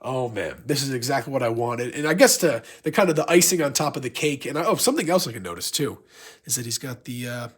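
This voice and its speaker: A man reviews collectibles casually, his husky voice stuffed up by a sick, blocked nose. He rambles along in a mid-pitched voice, gushing like an excited fan. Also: quick pace. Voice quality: congested, stuffy-nosed. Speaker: YouTube toy collector and reviewer.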